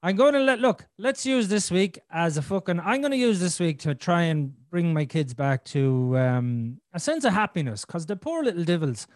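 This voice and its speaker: A man's voice: high voice, expressive, moderate pace, hardly any pauses, a little mellow, no room sound, studio quality. A man hosting a podcast in casual, candid conversation, with a blunt, sweary, joking manner. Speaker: podcast host.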